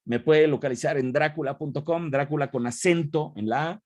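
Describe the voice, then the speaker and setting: A man's voice: fairly high pitch, moderate pace, a little mellow, dry recording. Man lecturing, dry close sound. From Mexico. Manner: frequent tag questions and restarts. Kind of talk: online talk with Q&A.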